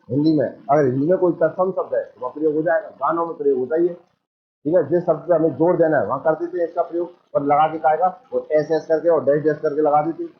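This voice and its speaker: A man teaching a coaching class, quizzing his students again and again as he explains. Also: fairly high pitch. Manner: drills the class with repeated questions. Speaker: Hindi teacher. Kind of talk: exam coaching lecture. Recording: tinny phone-like sound.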